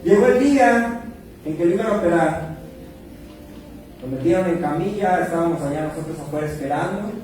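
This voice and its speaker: High-voiced pastor in echoey hall. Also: male voice, fairly quick, pauses often, slight background noise. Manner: storytelling, animated when acting out quotes. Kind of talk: sermon with personal testimony. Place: church hall. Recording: echoey hall, distant mic, music behind.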